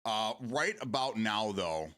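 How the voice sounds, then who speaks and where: A man's voice: lowish voice, expressive, takes it slowly, sharp tone. A man in his forties hosting a casual morning stream, rambling, repeating words and swearing casually as he answers viewer comments. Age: 40s.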